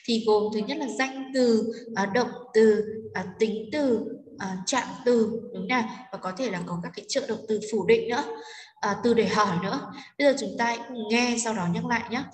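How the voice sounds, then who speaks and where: Fairly high-voiced woman teacher, echoey room. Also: moderate pace. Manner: patient, explanatory, with frequent hesitation fillers and check-in questions. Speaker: English teacher. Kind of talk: explaining a textbook exercise to students. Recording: echoey room, mic far off, faint noise.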